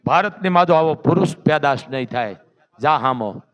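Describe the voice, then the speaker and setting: A man's voice: a little high, lively intonation, moderate pace, fairly bright tone, muffled recording, pitched below the performer's own voice. A man voicing the proud dying demon king Ravana in a religious storytelling talk, commanding and solemn.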